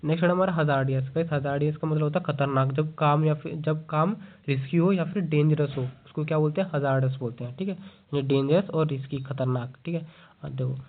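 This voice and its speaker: A man teaching exam vocabulary, explaining each word at length and reading the English examples slowly, often repeating a checking phrase. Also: a little high, steady tone. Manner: repeats "ठीक है" and "उसको क्या बोलते हैं?" often. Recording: tinny phone-like audio.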